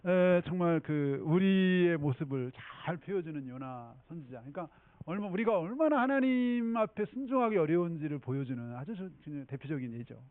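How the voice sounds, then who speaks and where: A male pastor tells a sermon story in a chatty way and keeps checking in with his listeners. His voice sits high and moves a lot. The recording is thin, phone-like and dry. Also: lively intonation, normal speed, no room sound. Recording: tinny phone-like dry sound.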